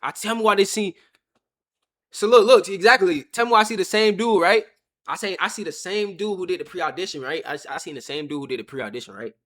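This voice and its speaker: Animated young man telling a story. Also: high voice, brisk. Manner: animated, acts out the other people's lines. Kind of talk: casual storytelling to chat. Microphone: webcam or phone on a stand.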